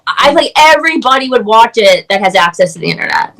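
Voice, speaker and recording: A woman guest chatting casually over a video call, excited and gushing, saying "like" constantly. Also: fairly high pitch, fast, rough recording. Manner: excited, gushing, heavy use of "like". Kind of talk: casual chat.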